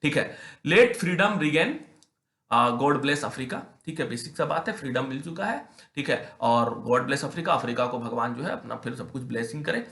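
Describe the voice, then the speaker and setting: A young man teaching a class, reading English lines slowly and then explaining them with rising emphasis, quizzing his students with questions. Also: medium pitch, creaky, a bit bright, roomy sound. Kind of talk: class lesson explaining an English text in Hindi.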